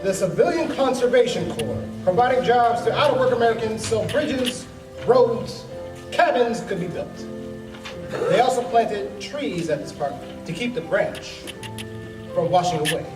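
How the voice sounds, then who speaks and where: In an amateur radio play, a man voices a past president, a hearty reformed hunter turned nature defender, sounding earnest and reminiscent. His high voice is lively in intonation and a little slow, recorded on a distant mic with echo and music behind.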